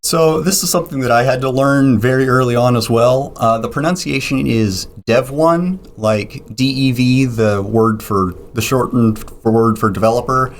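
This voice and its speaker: A man's voice: mid-range voice, slight background noise. A man being interviewed on a podcast, explaining technical details at length with frequent ums and restarts. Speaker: podcast guest.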